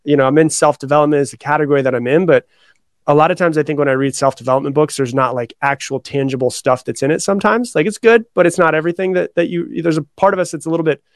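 Fast-talking casual man being interviewed. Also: on the high side, steady tone, no room sound, studio quality. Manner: informal, repeats and rephrases as he explains. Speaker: podcast guest, author and coach.

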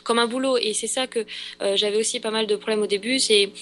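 A woman's voice: a little high, steady tone, fast, a bit bright. A young French woman, an actress, chatting in an interview, hesitant with many fillers and restarts. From France. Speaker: actress in Los Angeles. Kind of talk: casual interview chat.

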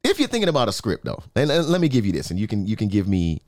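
A man's voice: lowish voice, huge pitch swings, rapid-fire, darkish tone, no room sound, studio quality. A man co-hosting a sports talk show, speaking emphatically and often checking in with "right?". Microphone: in-ear monitor, studio.

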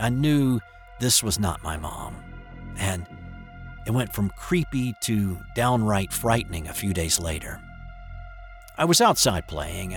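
An older man telling his own eerie childhood story in the first person, hesitant and hushed, with small restarts. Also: lowish voice. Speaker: narrator of a true eerie story.

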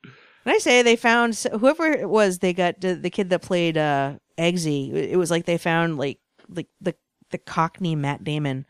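A speaker from Boston rambles through thoughts on a movie in a relaxed podcast chat, with plenty of hedges and laughter. The voice is smooth and clear. It is recorded dry and close. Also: medium pitch, moderate pace, no echo. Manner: rambling, hedging, laughs often. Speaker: podcast co-host. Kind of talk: casual movie review chat.

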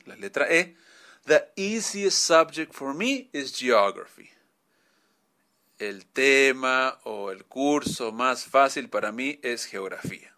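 A male teacher walks through a grammar lesson at an unhurried pace. His voice is bright and forceful. He repeats points and checks in with his class often. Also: medium pitch. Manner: explains slowly, repeats "¿ok?" often. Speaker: English teacher.

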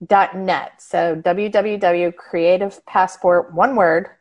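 A woman's voice: on the low side, fairly even intonation, slow, darkish tone, muffled recording. A woman hosting a podcast interview, chatty and upbeat, laughing often as she wraps up. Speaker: podcast host. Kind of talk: interview wrap-up chat.

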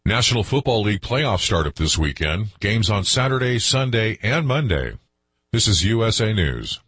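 A man's voice: lowish voice, big pitch swings, moderate pace, fairly bright tone, slightly rough, no room sound. A man with an American accent reading a scripted radio news bulletin as the anchor.

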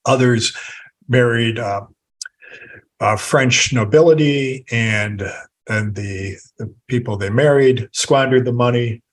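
A man with a somewhat husky, breathy voice speaks as a guest author. He walks through history in a measured, storytelling way during a podcast interview. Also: mid-range voice, rough recording.

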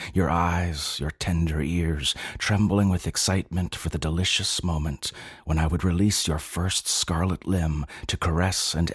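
Male storyteller, very low husky voice, intense and brooding, dry studio read. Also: dry recording. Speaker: narrator. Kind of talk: dramatic story reading.

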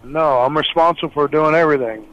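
A middle-aged man calling in to an advice show over the phone, talking in a plain, halting, matter-of-fact way. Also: a little high, fairly bright tone, dry recording. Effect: heard over the phone. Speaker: caller. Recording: dull dry phone line.

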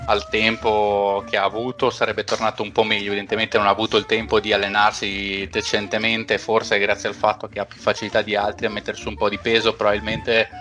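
A man's voice: fairly low pitch, completely flat delivery, a little fast, hardly any pauses, sharp tone, soft background music. A man co-hosting a basketball podcast, talking in a casual, hesitant way with many restarts. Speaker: podcast co-host.

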